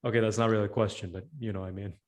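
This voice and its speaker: A man's voice: lowish voice, level tone, racing. A man hosting a podcast, chatting with his guest and reminding viewers to subscribe. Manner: friendly, reads channel reminders. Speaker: podcast host. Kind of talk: casual interview chat.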